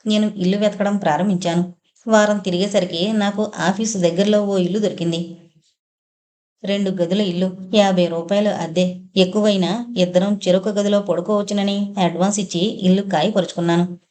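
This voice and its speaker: A woman narrating a first-person audio novel in a steady, even storytelling manner. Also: medium pitch, moderate pace.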